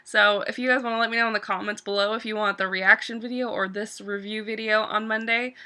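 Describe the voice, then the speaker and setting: A woman's voice: medium pitch, fairly even intonation, fast talker, sharp tone. A woman talking through a TV episode in a casual vlog review, gushing and swearing freely, with "like" in nearly every sentence. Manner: gushing, profane, heavy use of "like".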